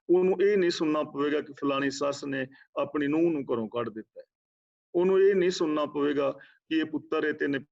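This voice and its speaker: A man's voice: a little high, gravelly. A man giving a religious scripture class, explaining words one by one and asking the class questions, heard over an online meeting. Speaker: Sikh scripture teacher. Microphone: video call. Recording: dull lo-fi online meeting audio.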